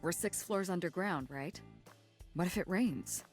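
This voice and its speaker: A woman voicing a female police chief who speaks in a flat, deadpan way. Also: lowish voice, measured pace, soft background music, pitched below the performer's own voice, close to an everyday voice.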